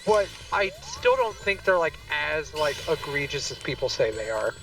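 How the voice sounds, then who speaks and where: A man's voice: on the high side, sing-song, normal speed, fairly bright tone, distant mic, soft background music, low-quality recording. A man streaming a game and chatting casually, rambling with many fillers. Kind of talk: casual chat while gaming.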